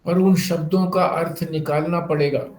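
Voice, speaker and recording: A man's voice: fairly high pitch, steady tone, darkish tone, echoey room, slight background noise. A man teaching a spiritual discourse, explaining step by step with rhetorical questions. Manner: explanatory, rhetorical questions, slow deliberate phrasing.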